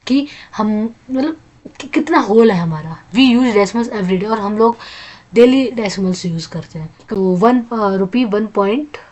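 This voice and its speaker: A woman with an Indian accent teaches a maths class in a mid-range voice. She reads English lines slowly and then explains fast in Hindi. She often asks a question and answers it herself. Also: medium pitch, a little mellow.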